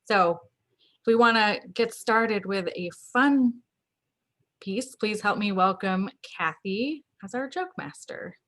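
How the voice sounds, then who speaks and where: On a video call, a woman serving as the meeting's toastmaster leads an online club session, cheerfully and methodically going over roles and reminders. Her voice is medium-pitched and a little bright, and she takes her time.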